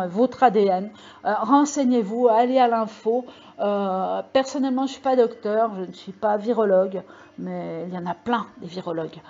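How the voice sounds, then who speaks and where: A woman's voice: a little high, a little mellow, highs cut off. A woman hosting her own channel, talking casually to viewers into a microphone in a rambling way with lots of fillers and emphatic warnings. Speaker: video channel host. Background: computer mail alerts.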